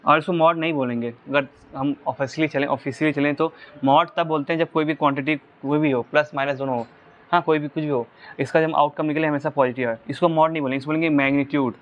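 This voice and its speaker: A man teaching physics at a board, walking through each step and often pausing to ask whether the class follows. His voice sits a little high for a man. The recording sounds somewhat dull and lo-fi. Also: steady tone. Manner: explains step by step, asking the class rhetorical check questions. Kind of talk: whiteboard physics lesson.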